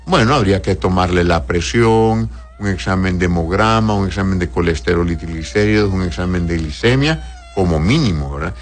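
A man's voice: sits low, normal speed. A man who is a doctor, reading out viewers' questions and answering them with plain advice, often adding a questioning "right?" at the end. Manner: plain advisory tone, tags "¿verdad?".

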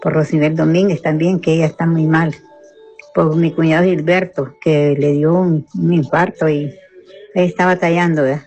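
An older woman's phone voice message, played back on air over faint music. She speaks in a flat, even tone, slow and pleading, and sounds weary and unwell. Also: low-pitched. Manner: slow, pleading, rambling prayer requests. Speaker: radio listener sending a voice message.

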